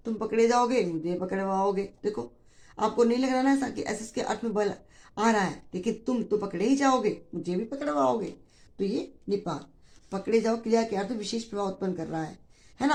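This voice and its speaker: A woman's voice: medium pitch, darkish tone. A woman teaching a grammar lesson to school students, explaining patiently and repeating key phrases, with mixed in. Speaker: Hindi teacher.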